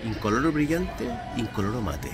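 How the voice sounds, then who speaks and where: A man with an ordinary mid-pitched voice jokes and teases while he shops. He argues back in a playful, animated way, and clear music plays behind him. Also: a little fast. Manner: teasing, playful, argumentative. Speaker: vlogger. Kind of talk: casual chat while shopping. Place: hardware store.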